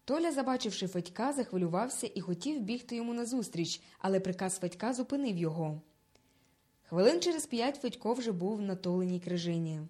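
A woman narrating a children's story in a lively, dramatic reading style. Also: mid-range voice, brisk.

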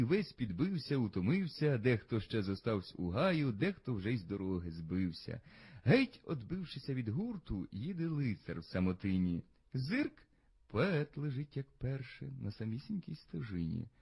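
A man reading a verse tale aloud as the storyteller, in an expressive, sing-song recitation. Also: mid-range voice, normal speed, breathy edge.

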